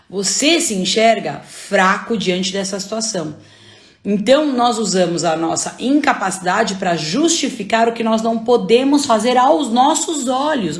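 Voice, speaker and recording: A woman with a Brazilian accent giving a faith-based motivational talk, pressing her listeners with repeated rhetorical questions. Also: medium pitch. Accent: Brazilian Portuguese. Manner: emphatic, repetitive rhetorical questions. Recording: roomy echo.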